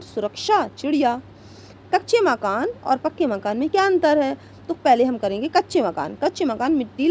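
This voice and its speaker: A woman's voice: high-pitched, mellow, slight background noise. A woman teacher going through a workbook lesson, explaining each question and reading out the answers, often checking with "है ना?".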